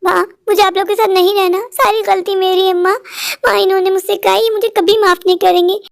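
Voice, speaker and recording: A woman voicing a repentant cartoon wife, very high voice. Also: flat delivery, fairly quick, creaky. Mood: pleading. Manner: pleading, apologetic. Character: repentant young wife, tearful and pleading. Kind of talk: dubbed Hindi cartoon story.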